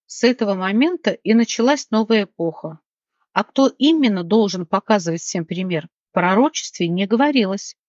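Storybook: woman as a composed high fairy, firm and measured. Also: lively intonation, a little mellow, dry recording, highs cut off, close to an everyday voice. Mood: calm.

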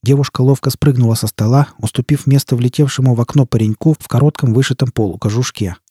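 A man narrating a fantasy audiobook in steady storytelling. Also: mid-range voice, fast talker, breathy edge, no echo, studio quality.

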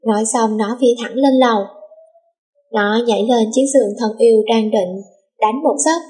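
A woman reading a story aloud as an audiobook narrator, with a smooth storytelling lilt. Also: a little high, normal speed, dark tone.

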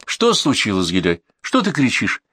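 A man voicing a sleepy, suspicious young wife, raising his pitch for her. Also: wildly swooping pitch, normal speed, sharp tone, breathy edge, no room sound, studio quality, exaggerated voice.

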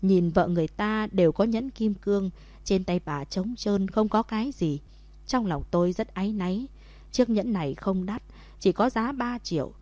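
A woman's voice: mid-range voice, moderate pace, warm tone, no room sound, natural voice. A woman reading the lines of an older man tenderly proposing again to his wife in a storybook. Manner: tender, heartfelt.

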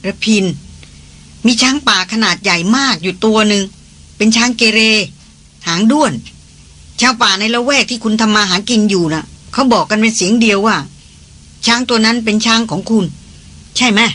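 A reader voicing an earnest titled lady on a jungle trek, who talks fast when anxious. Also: mid-range voice, fairly bright tone, close to an everyday voice.

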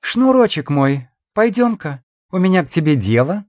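A man's voice: high-pitched, very animated, a little slow, darkish tone, no echo, clean studio sound, voice pushed up. A man reading an audiobook, voicing a cold, greedy young woman mercenary who teases and mocks. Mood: teasing. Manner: sly, teasing, playful.

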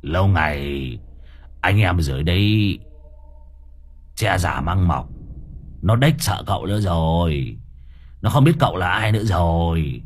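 A man's voice: normal speed, long pauses, a little mellow, a little hiss or hum. A man voicing a cheeky male servant who mutters and grumbles. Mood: grumbling. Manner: low mumbling grumble, cheeky.

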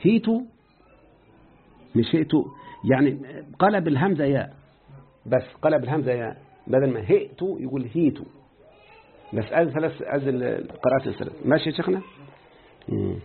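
A man with an Egyptian Arabic accent teaching a grammar lesson, who keeps quizzing his student and slowly repeats words. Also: medium pitch, lively intonation, vocal fry, breathy edge. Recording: tinny phone-like line.

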